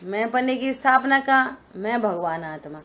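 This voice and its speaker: A woman's voice: a little high, animated, unhurried, fairly bright tone, slight background noise. A woman teaching a scripture study session, explaining points and answering her own questions. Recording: dull lo-fi recording.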